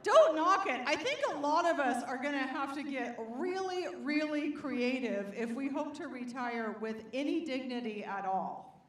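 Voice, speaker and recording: A woman in middle age works a stand-up set from a stage, her voice sitting high. She lands jokes with a wry, punchy delivery and stretches the punchlines out slowly. The live room adds a roomy echo around her mic. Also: animated. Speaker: stand-up comedian. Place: comedy stage before a live audience.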